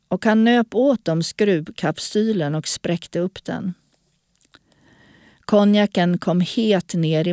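A woman narrating an audiobook story in a calm, even storytelling manner. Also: lowish voice, no echo, studio quality.

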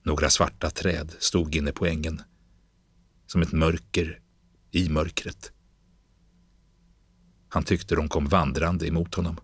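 A man narrating literary fiction in a slow, grave, measured reading. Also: very deep voice, flat delivery, a bit bright, breathy edge, dry recording.

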